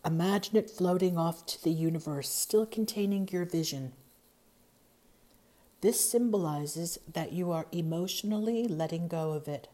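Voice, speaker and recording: A woman narrating a scripted guided meditation in a soothing, hypnotic, measured way, softening into breathiness at the ends of phrases. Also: lowish voice. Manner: soothing, measured, hypnotic delivery with long pauses.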